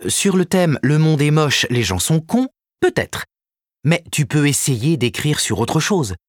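A man voicing a sharp, probing woman literary agent in an audiobook. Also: a little high, unhurried, dry recording, clean studio sound, voice pushed up. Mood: sarcastic. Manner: probing, exasperated, animated.

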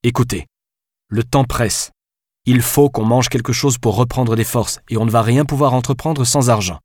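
A man performs the role of a firm, commanding adult man issuing insistent orders, pitching his natural-sounding voice above his own usual register. The voice is mid-range, slightly mellow, at normal speed, recorded with studio quality and no echo.

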